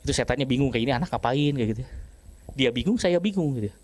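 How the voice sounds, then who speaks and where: A man's voice: medium pitch, expressive, quick pace, darkish tone. A male pastor telling a story in a sermon, often turning to his listeners and acting out voices and sound effects.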